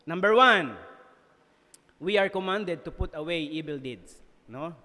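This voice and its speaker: A Filipino preacher gives a sermon that blends Tagalog and English, his voice fairly high and lively. He readily jokes and laughs at himself and often checks in with his listeners. The long reverb of a church hall surrounds him.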